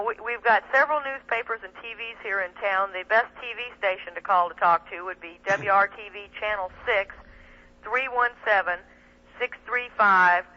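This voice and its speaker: An attorney and activist appears as a guest on a heated talk radio interview, speaking with emphasis and indignation. Her voice is medium-pitched with a sharp tone. The dull audio has the narrow, telephone-like sound of 1990s shortwave radio.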